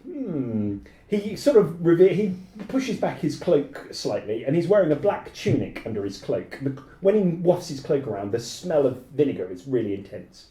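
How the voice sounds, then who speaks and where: A man's voice: a little high, very animated, normal speed, mellow. A man running a tabletop game as game master, describing scenes and calling for dice rolls. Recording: echoey room.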